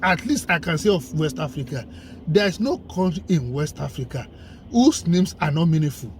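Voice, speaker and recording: A guest commentator in a conversational discussion speaks in a slightly high, sing-song man's voice at normal speed, with a little hiss or hum on the audio. He's emphatic and persuasive, building his points through lists and rhetorical questions.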